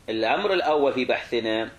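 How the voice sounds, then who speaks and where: Over a noisy crowd, a male religious studies teacher lectures his class in a mid-range, expressive voice at normal speed. He repeats and rephrases his points and asks rhetorical questions. He also clears his throat and sometimes restarts words.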